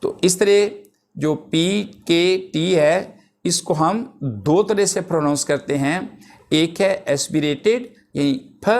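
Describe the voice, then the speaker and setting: Slow, deliberate male lecturer. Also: on the high side. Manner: slow, deliberate, drawn-out English terms and example words. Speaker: linguistics teacher.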